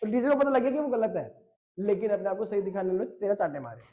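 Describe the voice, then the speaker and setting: Man, high voice, biology teacher, joking and teasing, mix, dull lo-fi audio. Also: sing-song, fast, mellow. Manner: jokey, teasing, talks straight to students. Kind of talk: online class lecture reading chat questions.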